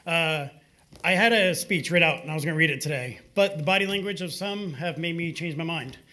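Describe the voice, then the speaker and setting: A man's voice: a little high, fairly quick, pushed and bright. A man giving an impromptu public comment, confrontational and emphatic, repeating his points for stress.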